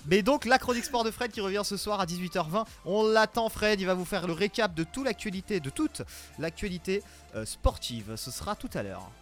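A man's voice: high-pitched, big pitch swings, fairly quick, a bit bright, soft background music. A male radio host in a studio, bantering and teasing his co-host on air. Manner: teasing, joking. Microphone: studio microphone.

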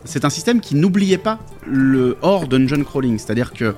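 A man's voice: medium pitch, lively intonation, normal speed, darkish tone, soft background music. A man talking casually about tabletop role-playing games, thoughtful and hesitant with many fillers.

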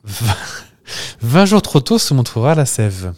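A man's voice: medium pitch, sing-song, a little slow, a little mellow. A man co-hosting a podcast in casual, playful chat, often laughing at his own jokes. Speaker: podcast co-host.

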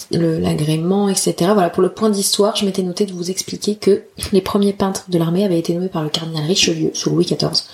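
A woman of about thirty hosting a casual solo podcast, speaking candidly with slangy, self-deprecating asides and often searching for words. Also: lowish voice. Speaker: podcast host, photographer.

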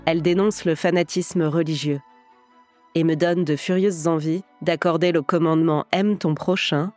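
A woman's voice: sits low, steady tone, moderate pace, a little mellow. Woman narrating a scripted podcast over music. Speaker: podcast host and actress.

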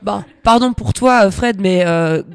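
A woman's voice: medium pitch, unhurried, gravelly, clear, resonant tone. Woman comics author, jokey and chatty on a podcast. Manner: lively and joking, chatty asides. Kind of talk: podcast interview.

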